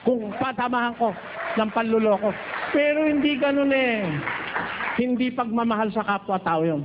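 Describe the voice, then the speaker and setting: A man from the Philippines preaching at a Bible study in a teasing, joking way, at times slipping into slow chanted singing. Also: very high-pitched. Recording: dull lo-fi recording with faint noise.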